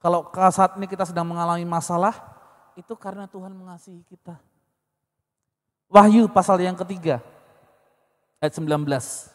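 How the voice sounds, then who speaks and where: A pastor preaching a conversational sermon with personal stories, with an Indonesian accent from Medan. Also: male voice, high-pitched, fairly even intonation, normal speed, long pauses, long reverb tail.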